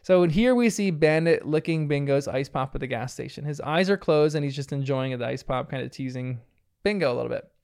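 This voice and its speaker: A man's voice: a little high, lively intonation, brisk, gravelly, a little mellow. A man casually recapping a cartoon episode, often laughing as he retells the scenes.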